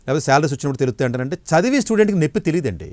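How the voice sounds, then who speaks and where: A middle-aged man, an education counselor, giving blunt, forceful answers in an interview. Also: a little high, sing-song, rapid-fire, no room sound.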